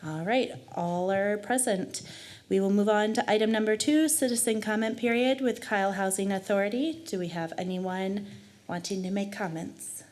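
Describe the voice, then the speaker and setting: A woman's voice: medium pitch, normal speed, darkish tone. A woman chairing a public meeting, speaking in formal procedural style. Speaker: commission chair.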